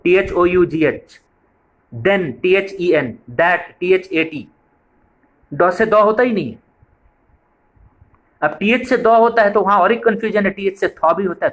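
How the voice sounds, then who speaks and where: A man's voice: sits high, fairly bright tone. A man giving a training lecture on a preschool method, explaining step by step and repeating points for emphasis.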